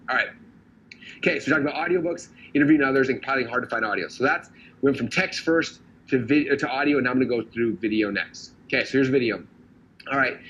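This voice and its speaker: A man giving a recorded training talk in a fast, casual, enthusiastic way, full of "okay" and "like". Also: mid-range voice, a bit bright. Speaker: business trainer. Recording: dull lo-fi audio, faint noise.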